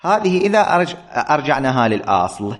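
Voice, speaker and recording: A man teaching an Arabic grammar lesson, speaking slowly and deliberately and repeating key points. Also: mid-range voice, sing-song. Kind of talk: classroom lesson on verb forms.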